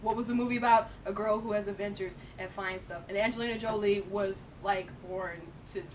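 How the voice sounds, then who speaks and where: A woman co-hosts a film review chat, speaking briskly with fairly even intonation in an emphatic, slangy, opinionated fan style. The mic is distant, picking up faint noise and rumble.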